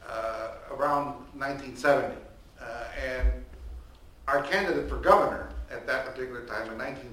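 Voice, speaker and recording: With no mic, this elderly academic fills a big reverberant hall, his mid-range voice booming as he keeps restarting sentences and leaning on fillers in a chatty lecturing style on a panel. The capture is far from the microphone, echoey, with faint ambience and a bit of background noise.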